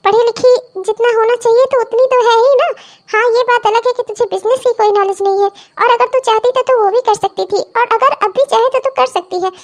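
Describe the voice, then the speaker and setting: Brief: cartoon mother-in-law, elderly and protective, very high and squeaky, sermonizing. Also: steady tone, brisk. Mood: tender, reassuring. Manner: affectionate, scolding, sermonizing. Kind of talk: cartoon comedy voice acting.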